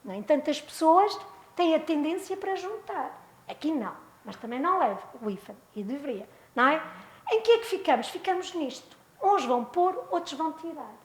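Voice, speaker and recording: A woman with a European Portuguese accent giving a talk on spelling, lively and full of rhetorical questions. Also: high-pitched, brisk, roomy sound. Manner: animated, asks rhetorical questions. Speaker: lecturer.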